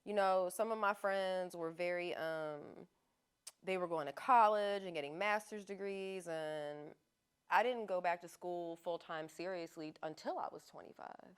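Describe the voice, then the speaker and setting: A woman's voice: on the low side, measured pace, smooth. A woman in her thirties, a podcast guest, talking in a laid-back, slangy and frank way in casual chat.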